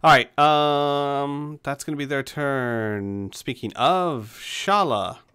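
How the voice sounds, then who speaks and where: A man's voice: medium pitch, takes it slowly, sharp tone, clear, resonant tone. A man acting as game master, narrating a tabletop game and chatting casually with the players.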